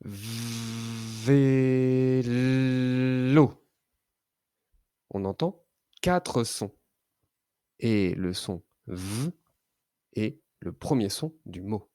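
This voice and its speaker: A man teaching a child to read, sounding out letters and syllables slowly and carefully. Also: lowish voice, expressive, darkish tone, dry recording, clean studio sound. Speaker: reading teacher. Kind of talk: children's phonics lesson.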